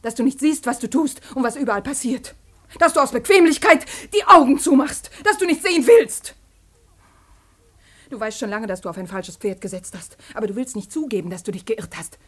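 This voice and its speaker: A woman's voice: mid-range voice, fast, few pauses, darkish tone, breathy edge, lightly acted. An actress playing a young daughter in a radio drama who pleads and accuses her father with passion. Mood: accusing. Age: young adult. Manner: impassioned pleading, breaking into tears.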